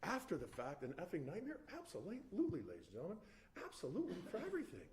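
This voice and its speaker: Male defense lawyer in a courtroom, slightly high voice, very animated pitch, insistent delivery to the jury. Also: quick pace, a crowd in the background. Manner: emphatic, addresses the jury repeatedly, frequent restarts. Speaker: defense attorney. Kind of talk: courtroom closing argument to a jury.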